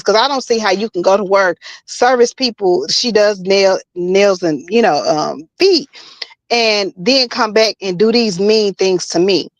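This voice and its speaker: A slightly dull, dry recording of a woman in casual personal talk. She speaks at a middle pitch, halting and circling back over her phrases as she looks for words. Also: dry recording. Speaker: guest telling of being bullied online.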